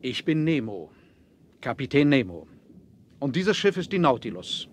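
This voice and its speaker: A defiant, proud submarine captain in a seventies adventure audio drama. He is formal and measured, with commanding authority and animated intonation. There is faint noise from the old vinyl recording. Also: medium pitch. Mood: calm, commanding. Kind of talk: 1970s adventure radio play acting.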